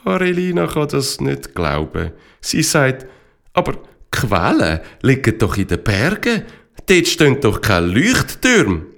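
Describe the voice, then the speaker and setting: A man narrating a children's story with slow, lively reading. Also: medium pitch, creaky.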